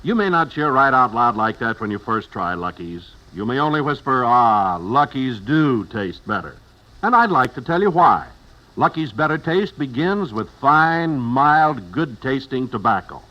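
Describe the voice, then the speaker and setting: A man's voice: mid-range voice, lively intonation, moderate pace. An American man working as a radio announcer, reading old-time advertising copy in an emphatic, polished way. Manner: emphatic, polished sales delivery. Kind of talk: 1950s radio advertising read. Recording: dull old radio broadcast.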